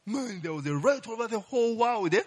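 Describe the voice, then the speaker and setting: Very high-pitched yet darkish in tone, this man speaks fairly quickly and with animation. He's giving an easygoing Bible-teaching sermon with call-and-response, sprinkling in "eh?" tag questions and calling out "Glory be to God" and "Hallelujah."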